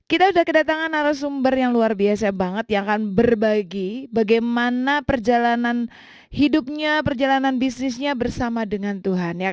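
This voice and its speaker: Chatty woman radio host, high voice. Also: no room sound, studio quality. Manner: chatty, friendly, with frequent fillers. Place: radio studio.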